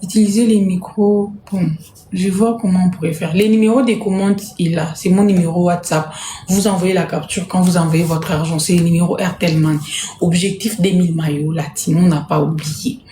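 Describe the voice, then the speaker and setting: Soft-spoken woman on an echoey live stream. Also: lowish voice, steady tone, normal speed, a little hiss or hum. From Congo. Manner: soft-spoken, repeats herself. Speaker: livestream host selling jerseys. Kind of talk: casual live-stream talk. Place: home room, indoors.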